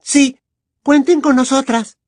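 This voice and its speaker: A woman voicing a curious, sharp-tongued teenage girl witch who speaks coolly and directly. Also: sits high, fairly even intonation, slow, dry recording, studio quality. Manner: cool and direct.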